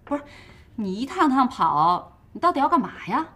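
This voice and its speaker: A sharp-tongued strict mother. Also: sits high, sing-song, reverberant. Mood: scolding. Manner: scolding, brisk. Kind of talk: TV drama acting.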